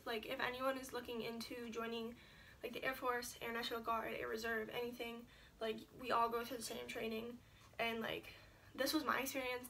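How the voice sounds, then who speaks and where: A young woman talks to the camera in a bright, gravelly voice, chatty and loose, packed with "like" and "um". Her pitch sits a little high and barely moves, staying flat through the whole telling. The camera is set a bit back in a room at home, with faint hum underneath. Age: young adult. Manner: chatty, lots of "like" and filler. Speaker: vlogger. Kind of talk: casual sit-down story to camera. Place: indoors at home, seated. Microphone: camera set a little far away.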